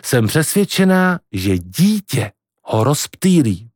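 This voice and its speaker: A man reading an audiobook and voicing a middle-aged mother who speaks calmly and seriously. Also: medium pitch, no echo, clean studio sound. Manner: calm, measured, serious.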